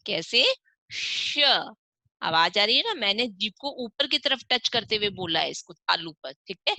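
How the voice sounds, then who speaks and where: A woman's voice: fairly high pitch, creaky, sharp tone, dry recording. A woman teaching a primary school class online. She asks questions and answers them herself, and stretches out each sound as she drills pronunciation.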